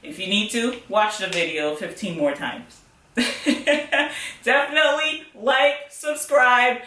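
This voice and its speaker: A woman's voice: on the high side, measured pace, pushed and bright. A young woman giving chatty money advice straight to her viewers, casual and direct, with fillers and small laughs. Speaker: budgeting vlogger. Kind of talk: casual talk to camera. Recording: roomy sound from a distance.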